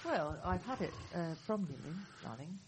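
A woman's voice: fairly low pitch, sing-song, normal speed, crowd noise. A woman co-hosting a radio show in chatty, rambling banter, her voice muffled as though heard through a wall. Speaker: radio co-host. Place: radio studio. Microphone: studio microphone. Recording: muffled, distant studio mic.

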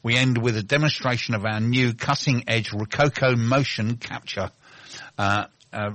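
On a local business radio show, a man reads event listings and swaps dry, teasing banter with his co-host in casual chat. His voice is mid-range with a fairly bright tone, and the recording is dry.

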